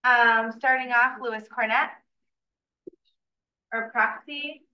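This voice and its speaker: Woman briskly calling roll, from afar. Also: on the high side, fairly even intonation, a little hiss or hum. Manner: brisk, reads out names one after another. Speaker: student meeting leader taking roll. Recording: distant, dull room mic.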